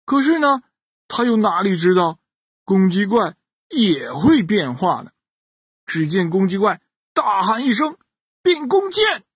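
A man telling a bedtime story to children with animated, swooping pitch and an unhurried pace. His voice is husky and fairly low, recorded dry and close to the mic. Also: no echo. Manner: animated, addressing children directly.

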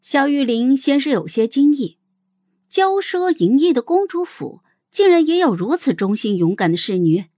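A young adult woman hosting and narrating a first-person story in a measured, expressive manner. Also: high voice, no echo, studio quality. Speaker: audiobook host and narrator.

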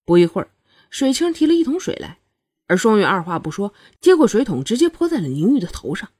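A young woman reading a novel aloud with expressive storytelling. Her voice is mellow and a touch husky. Her pitch moves freely and keeps the scenes lively. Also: fast talker. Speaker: audiobook narrator. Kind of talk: scripted narration of a romance novel.

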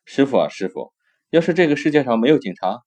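A man's voice: medium pitch, very animated, quick pace, darkish tone. A man doing a naive young robber apprentice. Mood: wistful. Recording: dull lo-fi recording.

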